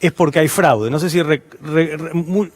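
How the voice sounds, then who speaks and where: Argentine professor guest, man, Rioplatense, halting explanations, higher-pitched. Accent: Rioplatense Spanish. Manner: halting, many restarts and fillers. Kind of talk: interview answers.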